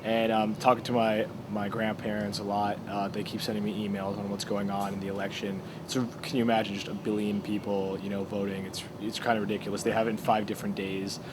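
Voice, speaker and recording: A man's voice: on the low side, flat delivery, brisk, few pauses, noisy background. A teenage boy talking casually as a student interviewee, explaining with many fillers and restarts. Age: teens.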